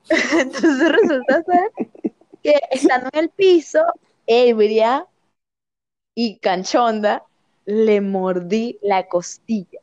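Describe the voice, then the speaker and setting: Bright-voiced Venezuelan young woman storyteller. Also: a little high, slow, long pauses, no echo, dull audio. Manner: animated, laughing often, slangy. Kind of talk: casual storytelling chat.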